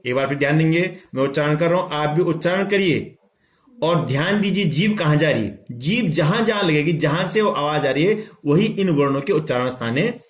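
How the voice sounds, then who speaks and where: A man teaching a pronunciation lesson to students, saying each sound slowly and repeating it for them to echo. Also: on the high side, expressive. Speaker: Hindi teacher. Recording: echoey room.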